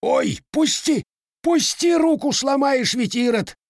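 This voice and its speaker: A man voicing a quarrelsome middle-aged peasant who talks in a shrill, demanding, whining way. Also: big pitch swings, takes it slowly, dry recording, clean studio sound, heavily acted. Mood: wailing.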